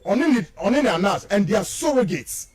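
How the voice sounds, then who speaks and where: A high, very animated male voice speaks fairly quickly. He's a Ghanaian native Twi speaker delivering emphatic, accusatory political commentary on talk radio in a declamatory style, mixing local language with English.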